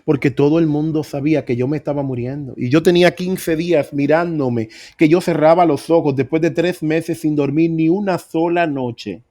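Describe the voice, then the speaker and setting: A man's voice: a little high, fairly even intonation, normal speed, hardly any pauses, mellow. A middle-aged man preaching, telling his own story with earnest emphasis. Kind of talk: sermon testimony.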